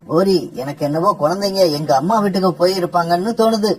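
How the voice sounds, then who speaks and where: In this cartoon a mild father bird frets gently over his family, voiced by an actor. The voice is mid-pitched and a little breathy, soft rather than forceful. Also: quick pace, close to an everyday voice. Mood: worried.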